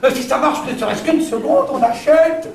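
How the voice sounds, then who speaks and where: A man's voice: very high voice, normal speed, vocal fry. A man playing a haggling, blustering master in a theatrical stage comedy, arguing emphatically and repeating himself. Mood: haggling, insistent. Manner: emphatic, repetitive, argumentative. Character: haggling, blustering insomniac master posing as human Pollux. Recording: distant, echoey, faintly noisy stage recording.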